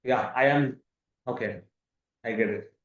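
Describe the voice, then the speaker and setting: This time his medium-pitched voice is unhurried as he leads a live online demonstration over video call. He is an eager webinar presenter from India in his thirties who often repeats words, recorded in an echoing room with muffled lo-fi quality.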